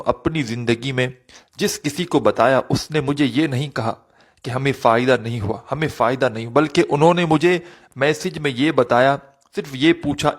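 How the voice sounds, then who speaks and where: A man hosting a devotional video, speaking earnestly and repetitively to viewers and leading a pleading prayer. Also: medium pitch. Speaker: religious video host.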